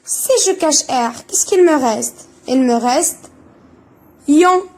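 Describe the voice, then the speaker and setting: A woman teaching a reading lesson, speaking slowly and spelling out sounds and syllables one at a time with careful enunciation. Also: high-pitched, a little mellow.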